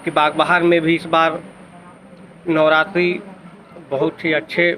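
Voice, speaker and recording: A man giving slow, measured festival wishes outdoors and praising the evening prayer in his town. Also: on the high side, flat delivery, noisy background. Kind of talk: formal greeting to camera.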